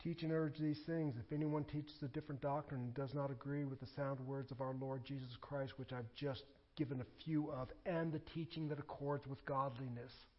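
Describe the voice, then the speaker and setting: A pastor preaching a sermon, moving between quiet scripture reading and loud emphatic declarations. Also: male voice, medium pitch, fairly even intonation, normal speed, hardly any pauses, highs cut off.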